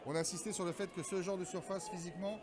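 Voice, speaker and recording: A man's voice: high-pitched, steady tone, fast. A man giving emphatic, opinionated live football analysis, often repeating his phrases. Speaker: football co-commentator. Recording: loud stadium crowd behind, outdoors. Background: loud crowd.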